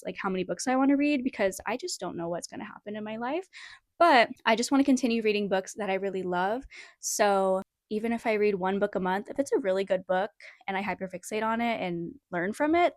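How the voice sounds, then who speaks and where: A woman's voice: medium pitch, dry recording, clean studio sound. Chatty young woman vlogging on her phone. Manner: rambling, chatty, self-deprecating. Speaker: writing vlogger. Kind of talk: casual vlog chat. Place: bedroom in parents' suburban house.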